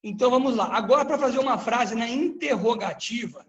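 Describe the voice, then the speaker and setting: A man's voice: extremely high pitch, fairly quick, highs cut off. A man teaching English grammar in a live online class, patiently explaining and quizzing his students with questions.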